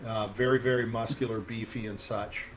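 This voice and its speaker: A man's voice: on the low side, fairly even intonation, moderate pace, low-quality recording. A man working as game master, narrating a tabletop game in a casual, conversational way. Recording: loud background noise, room ambience.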